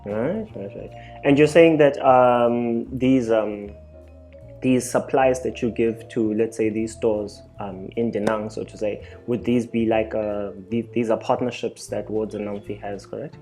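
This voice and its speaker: A man's voice: on the low side, fairly even intonation, unhurried, darkish tone. A young man runs an interview over a video call, asking questions with many fillers. He keeps the talk going with short backchannels, and faint music plays behind him. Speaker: host, interviewer. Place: small room indoors. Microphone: webcam on a video call.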